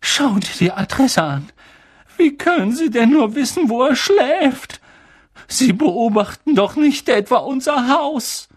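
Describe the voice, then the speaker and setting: An audiobook narrator voicing a nervous middle-aged aunt with a shrill, trembling voice. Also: lively intonation, takes it slowly, heavily acted. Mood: anxious. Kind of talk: audiobook character voice.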